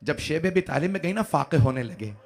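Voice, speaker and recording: A man preaching a mourning sermon to a gathering, moving from hushed storytelling to wailing, shouted lament. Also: fairly high pitch, expressive, brisk, creaky. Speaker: Shia cleric reciting a majlis.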